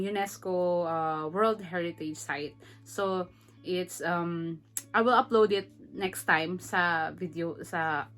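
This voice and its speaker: A middle-aged Filipina records a casual personal vlog in a lowish, somewhat bright voice. She's chatty and emotional, mixing English into her Tagalog and laughing often.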